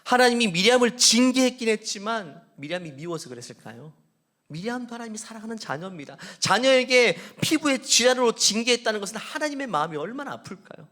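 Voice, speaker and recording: A man's voice: very high-pitched, big pitch swings, quick pace, bright, forceful tone. Korean male pastor preaching a sermon. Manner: questions the congregation and acts out quoted prayers. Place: church sanctuary.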